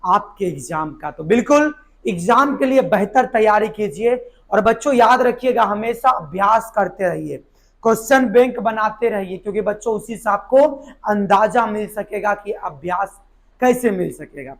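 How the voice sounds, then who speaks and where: A man with a hoarse voice from a sore throat, teaching a live online biology class. He asks the class questions and answers them himself. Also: high voice, lively intonation, normal speed. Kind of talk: live online exam-prep lesson.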